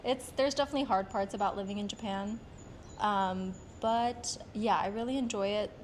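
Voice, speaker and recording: A young American woman, interviewed outdoors on a Japanese street, replies casually and softly, hesitating often and leaning on fillers. She has a mid-range voice at normal speed, and slight hiss or hum can be heard.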